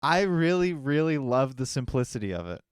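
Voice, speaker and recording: A man's voice: medium pitch, sing-song, moderate pace, smooth, dry recording, clean studio sound. A man co-hosting a podcast in casual chat, enthusiastic and emphatic. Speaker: podcast co-host.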